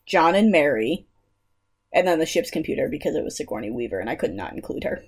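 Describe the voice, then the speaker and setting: A young woman co-hosting a casual podcast in a slightly low voice. She is chatty, laughs easily and reads out trivia in an eager, conversational way. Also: very animated, fast talker, a little mellow, husky. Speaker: podcast co-host. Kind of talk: casual chat.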